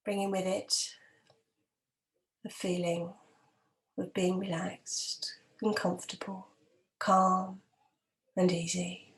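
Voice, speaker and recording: A woman with a fairly low voice guides a relaxation meditation as a hypnotherapist, calm, gentle and measured, her soft voice sometimes breathy, with long pauses.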